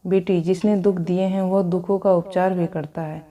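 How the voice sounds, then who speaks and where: A gentle old temple mother, as a woman narrator puts her on, speaking in a soothing, consoling way. The voice sits low and sounds warm and mellow. She fits a devotional storybook reading. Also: fairly even intonation, moderate pace, natural voice.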